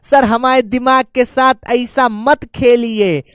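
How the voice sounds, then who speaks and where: A male teacher voicing his cheeky students in slow, whiny mock protest. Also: extremely high pitch, fairly even intonation, fairly bright tone, clean tone, no room sound, clean studio sound, exaggerated voice.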